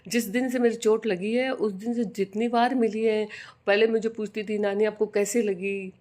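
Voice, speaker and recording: Telling affectionate stories about her granddaughter in a relaxed vlog, an older woman lifts her voice higher whenever she mimics the little girl. She speaks at a moderate pace with fairly even intonation and a slightly mellow sound.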